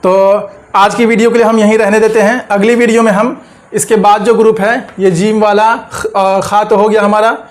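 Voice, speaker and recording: A man's voice: sits high, level tone, normal speed. A man teaching an Urdu lesson step by step, patiently repeating words and asking the viewer questions.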